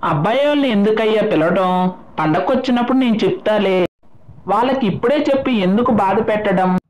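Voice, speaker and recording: A woman voicing a dramatic old village grandmother who talks loudly through tears. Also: medium pitch, expressive, fairly quick, close to an everyday voice, rough recording. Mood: wailing, grieving. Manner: loud, wailing, tearful.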